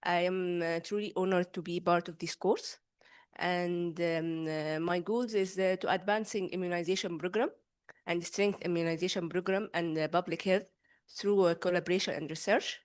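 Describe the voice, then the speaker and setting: A woman with an Egyptian accent gives a formal self-introduction to a group in an earnest, careful, halting way. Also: fairly low pitch, steady tone, clear, resonant tone. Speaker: course participant, pharmacist.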